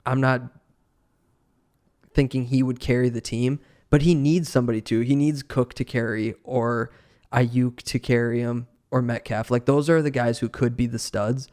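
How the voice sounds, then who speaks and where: A man's voice: mid-range voice, steady tone, moderate pace, a little mellow. A man co-hosting a casual fantasy football podcast, thinking aloud with lots of restarts. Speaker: podcast co-host. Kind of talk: casual chat.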